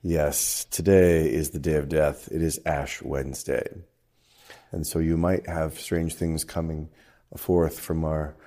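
A man's voice: extremely low pitch, little pitch movement, measured pace, mellow. A man who is a priest co-hosting a podcast, talking in an easygoing, teaching way and laughing often. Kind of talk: casual conversational podcast.

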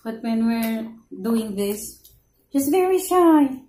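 A mom chats to viewers in a somewhat high voice, coaxing her little one between bites. Her talk is easygoing and homey. The sound carries a roomy echo. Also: animated, takes it slowly, dark tone. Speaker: family vlogger, mother. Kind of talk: casual mukbang chat to viewers.

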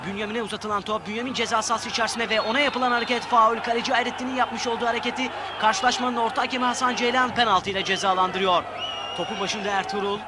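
A man narrating football highlights as a commentator, in a scripted style. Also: steady tone, quick pace. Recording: very noisy broadcast, loud crowd.

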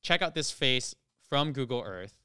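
A man's voice: mid-range voice, animated, a little slow, bright, forceful tone, clean tone, no echo. A man in his thirties brainstorming ideas in a casual studio conversation, thinking aloud with frequent restarts. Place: studio with brick walls. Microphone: studio mic on boom arm, headphones.

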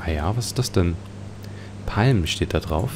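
This let's play host has a low, expressive voice and moves at a moderate pace, casually describing a video game and thinking aloud as he goes. Noise is clearly audible in the home recording.

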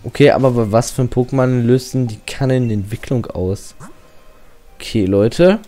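A man's voice: medium pitch, moderate pace, warm tone, faint music behind. A young man giving casual, slangy let's-play commentary as a channel host, often reading game text aloud.

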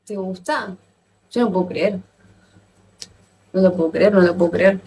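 A woman with an Argentine accent chatting casually with viewers on a live stream, playful and quick to exclaim and laugh. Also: fairly low pitch, warm tone, a little hiss or hum. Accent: Argentine Spanish. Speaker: livestreamer.

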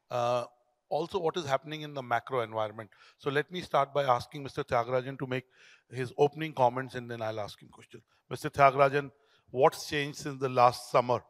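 Middle-aged man hosting an onstage conversation in a long-echo hall. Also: medium pitch. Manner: emphatic, rhetorical questions, thinks aloud. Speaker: conference host and interviewer. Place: large conference hall stage. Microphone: handheld mic. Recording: dry close mic with long hall reverb.

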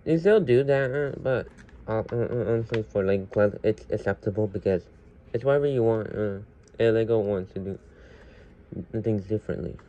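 A man giving a casual, unscripted toy review, rambling with many fillers and restarts and getting loud at times. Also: lowish voice, moderate pace, dull audio. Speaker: Lego reviewer. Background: faint household noise.

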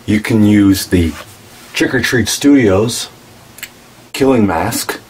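A fairly low-pitched male voice belongs to a man in his forties, casually and keenly showing off horror cosplay props in a vlog. He is filmed from a distance indoors, in a cluttered room packed with horror collectibles, with slight background noise.

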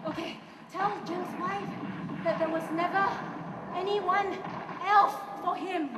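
A woman's voice: extremely high pitch, steady tone, slow pace. A woman playing an overwrought soldier in the thick of battle in a stage comedy. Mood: wounded, straining. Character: frantic soldier who gets wounded passing on a message. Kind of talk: comic stage acting. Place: large theatre stage with audience. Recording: far off, echoey, noisy audience.

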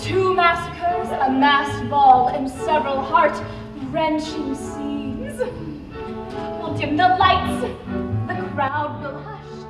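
A fiery, dreaming young sister, played by a woman bursts into theatrical speech and song on a musical stage. Her voice sits very high and rings through an echoey hall, caught from far off under loud music. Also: extremely slow. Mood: rousing. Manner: theatrical, declaiming, breaks into song. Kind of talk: stage musical, spoken and sung. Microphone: far stage recording.

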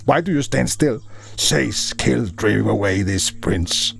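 A monk voicing a furious male demon lord who shouts commands at his army. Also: fairly low pitch, animated, takes it slowly, vocal fry, pitched above the performer's own voice, full character voice.

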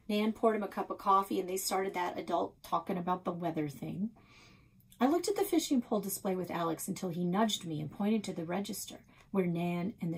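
A woman reads a children's novel aloud in a steady, expressive storytelling way. Her voice sits a little low and has a husky, breathy edge. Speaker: librarian reading aloud. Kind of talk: read-aloud storybook narration.

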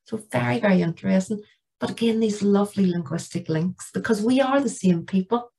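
A woman's voice: medium pitch, a little fast, vocal fry, warm tone, husky, rough recording. A middle-aged woman with a Northern Irish accent giving an earnest, plain-spoken lecture with slides in a church. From Northern Ireland. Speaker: guest lecturer.

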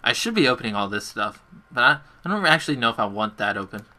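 Bright-voiced young man streaming a game. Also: mid-range voice, big pitch swings, fast talker, slight background noise. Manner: chatty, self-deprecating, talks to chat while playing. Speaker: gaming livestreamer. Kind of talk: casual live gameplay commentary. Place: bedroom at home.

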